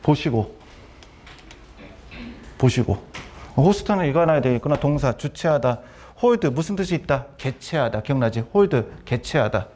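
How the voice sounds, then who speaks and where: A middle-aged man lecturing on vocabulary and grammar, repeating key terms and quizzing students with quick questions. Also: medium pitch, lively intonation, warm tone, a little hiss or hum. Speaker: academy director teaching vocabulary.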